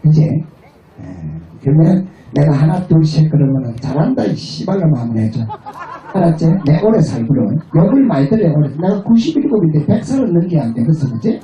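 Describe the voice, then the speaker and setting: Brief: husky man, bawdy outdoor stage comic, high lively voice, heard from afar over a roomy PA. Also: brisk, muffled recording. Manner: crude, swearing, mimics voices, laughs between jokes. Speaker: pumba street performer. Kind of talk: bawdy stage comedy banter with the crowd. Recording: roomy PA sound from far off, crowd. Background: crowd and music.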